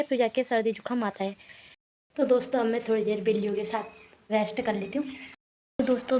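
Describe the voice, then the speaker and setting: A woman's voice: mid-range voice, a little mellow. A young woman from the hills of Uttarakhand vlogging casually about her village day while she has a cold and a sore throat. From Uttarakhand hills, India. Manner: chatty, talks to her viewers and coos at her cats. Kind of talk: casual vlog chat.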